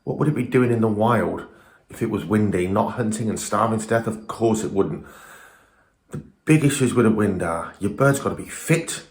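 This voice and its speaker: A man's voice: fairly low pitch, normal speed, reverberant. A man giving an informal, emphatic and opinionated talk to camera as a falconer presenting his own video, often throwing in rhetorical questions.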